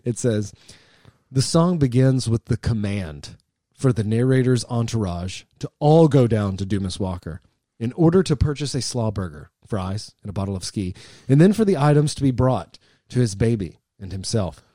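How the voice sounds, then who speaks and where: Mellow-voiced man reading aloud. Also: mid-range voice, expressive, moderate pace, no room sound. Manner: reads aloud at length, jokey. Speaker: podcast co-host. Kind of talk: casual podcast chat.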